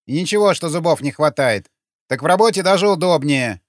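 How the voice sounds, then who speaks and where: A man voicing a shrill, spiteful dwarf pimp who screeches insults. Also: expressive, a little fast, dry recording, clean studio sound, natural voice. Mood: scolding. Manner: screeching, abusive.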